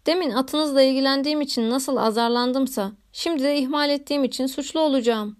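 A woman's voice: high-pitched, fairly quick, close to an everyday voice. A woman reading the lines of a proud, sorrowful noblewoman who answers with cool irony, in an audiobook. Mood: wry. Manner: cool, wry. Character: sad, proud noblewoman, coolly ironic.

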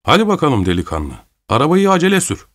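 A man voicing a coarse, mocking, hot-tempered male peasant in a storybook reading, speaking raised and rough. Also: a little high, wildly swooping pitch, fast, pitched above the performer's own voice. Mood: bossy. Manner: mocking, then shouting angrily.

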